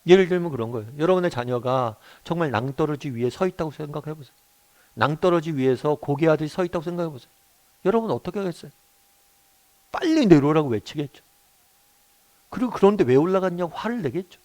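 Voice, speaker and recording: A man's voice: on the high side, animated, quick pace, a little mellow. A middle-aged male pastor giving a morning devotional sermon, earnest, often putting questions to his listeners.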